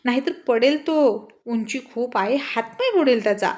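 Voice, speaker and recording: A worried mother shouting up from below, fussing and scolding her son, with a woman storyteller doing her. Her voice rises higher and louder in a spoken storybook. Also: expressive, normal speed, natural voice. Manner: calling out, fussing.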